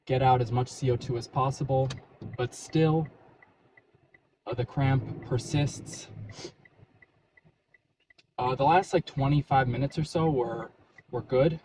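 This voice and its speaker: A man's voice: mid-range voice, darkish tone, slight background noise, low-quality recording. A man talking casually and a little hesitantly to his vlog audience, in a conversational solo style. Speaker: running vlogger.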